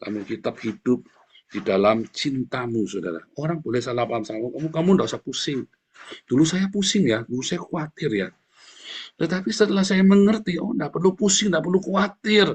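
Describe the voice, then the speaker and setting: A middle-aged male pastor preaching a sermon in a blunt, combative way, with lively swings in his delivery. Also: on the high side, fairly quick, breathy edge.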